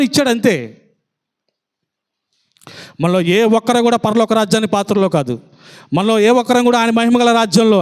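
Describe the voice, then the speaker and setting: A man preaching a fervent sermon, firing rhetorical questions at his listeners. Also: high-pitched.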